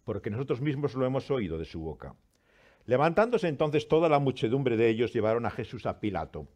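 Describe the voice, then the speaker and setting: A man's voice: fairly low pitch, darkish tone. A man who reads a scripture passage with dramatic rises and falls, then preaches earnestly as pastor. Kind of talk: scripture reading and sermon.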